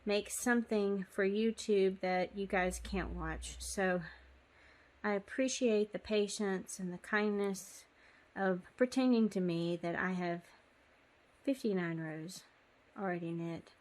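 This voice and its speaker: A woman's voice: medium pitch, a little mellow. A woman giving a casual step-by-step knitting tutorial, chatty and apologetic, with frequent ums. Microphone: phone.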